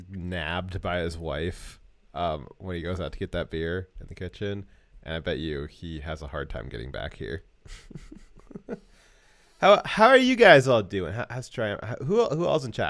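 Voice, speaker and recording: Brief: low-pitched male livestream co-host, dry close sound, easygoing banter. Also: moderate pace, no echo. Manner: relaxed, cooing over animal pictures. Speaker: podcast co-host. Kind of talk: casual livestream chat.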